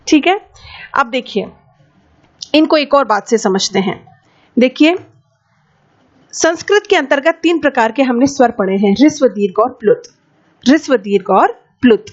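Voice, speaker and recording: A woman teaching an exam-prep Sanskrit lesson, asking questions and answering them herself, sometimes drawing out vowel sounds slowly. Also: on the high side. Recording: slightly dull, lo-fi audio.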